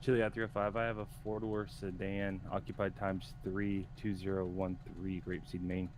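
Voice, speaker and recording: A man giving calm, matter-of-fact codes over a police radio transmission as a patrol officer in a roleplay. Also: low-pitched, moderate pace, a little hiss or hum.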